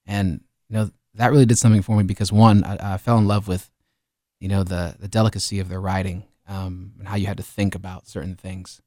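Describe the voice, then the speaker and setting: Deep-voiced man telling his story. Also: fairly quick, no room sound, clean studio sound. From Liberia. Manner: relaxed storytelling with fillers. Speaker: musician guest. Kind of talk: casual interview. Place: radio studio.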